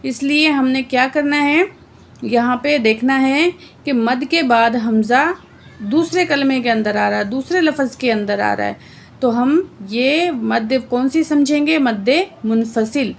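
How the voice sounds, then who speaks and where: A woman teaching Quran recitation word by word, explaining the rules plainly and reciting verses slowly with drawn-out sounds. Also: sits high, vocal fry, slight background noise. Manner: often adds "theek hai" to check understanding. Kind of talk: slow word-by-word recitation lesson.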